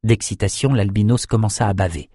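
A man narrating a dark fantasy audiobook in a measured storytelling voice. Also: lowish voice, breathy edge, no echo, clean studio sound.

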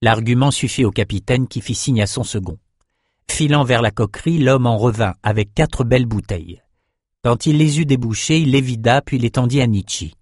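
A man with a fairly low voice narrates an adventure novel at an even, measured pace. The sound is dry and close, recorded on a studio mic. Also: no room sound. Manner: steady, measured storytelling. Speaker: audiobook narrator. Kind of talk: scripted narration.

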